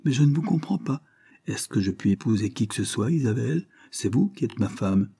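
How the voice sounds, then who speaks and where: A dignified husband speaks gently and gravely, as a male reader voices him. His husky voice has a warm, mellow color. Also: medium pitch, animated, brisk. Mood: earnest.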